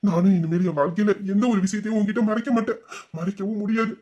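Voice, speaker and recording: A man's voice: high voice, quick pace, darkish tone. A man voicing a loving young husband in a romantic audio drama, speaking in an earnest, reassuring and teasing way.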